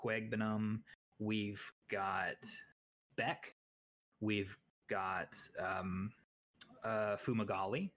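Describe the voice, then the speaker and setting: Young male co-host, lower register, casual and opinionated, self-deprecating. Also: little pitch movement, very slow, a bit bright. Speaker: podcast co-host. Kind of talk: casual sports chat.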